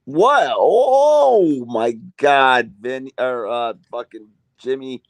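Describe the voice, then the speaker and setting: A young man co-hosts a casual sports podcast in a dry, close-up sound at an ordinary middle pitch. He is blunt and excitable, swears now and then and talks up his favorite players. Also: extremely slow, dry recording. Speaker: podcast co-host.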